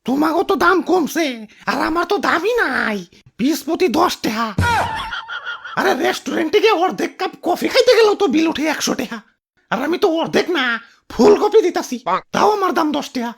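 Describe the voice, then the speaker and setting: A woman voicing a hot-tempered talking cauliflower in a cartoon, wailing and ranting in a whiny, gravelly voice. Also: very high-pitched, expressive, fairly quick, full character voice. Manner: wailing complaints that flare into rants. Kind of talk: cartoon voice acting.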